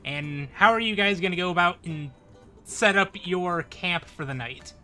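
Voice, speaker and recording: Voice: mid-range voice, moderate pace, pushed and bright, soft background music. A game master casually narrating and guiding a tabletop role-playing game.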